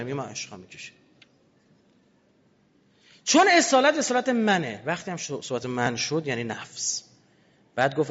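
A man's voice: fairly high pitch, a bit bright. A man giving a lecture to an audience, emphatic and full of rhetorical questions. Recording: reverberant hall, dull lo-fi sound.

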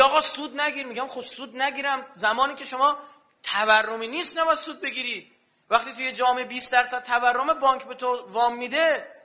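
A man's voice: extremely high pitch, sharp tone. A man preaching a sermon with passion, throwing rhetorical questions at his audience. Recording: dull lo-fi recording.

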